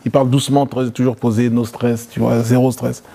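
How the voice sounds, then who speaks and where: A man, a guest in a casual interview, telling a story in an animated way. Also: a little fast, creaky, noisy background. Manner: animated, acts out quotes in a loud high voice.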